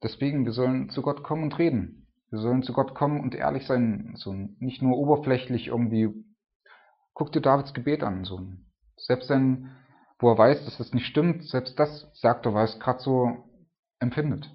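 A man's voice: medium pitch, normal speed. Man, sermon, conversational preaching, frequent "so" and "ne?" fillers, slightly muffled lo-fi sound. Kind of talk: sermon on a psalm.

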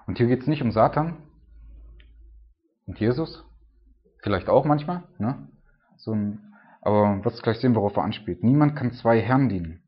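Male preacher, low and husky, chatty sermon delivery, keeps checking in with listeners, muffled lo-fi sound. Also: normal speed, pauses often. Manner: conversational, frequent tag "ne?" and "so". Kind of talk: casual sermon.

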